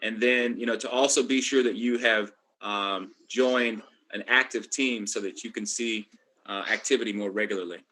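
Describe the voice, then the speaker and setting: A man with a bright, forceful voice fields questions on a live internet call. His audio drops out in choppy gaps as the connection breaks up. He speaks haltingly and stops often to restart. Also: fairly low pitch, fairly even intonation, a little hiss or hum. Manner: halting, with many fillers and restarts. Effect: audio dropping out on a breaking-up internet call. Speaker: presenter answering questions.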